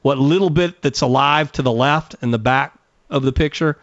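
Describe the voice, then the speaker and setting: A man's voice: medium pitch, moderate pace, dry recording, dull audio. A man hosting a radio gardening call-in show, giving direct, folksy advice. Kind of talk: radio call-in talk and live ad read.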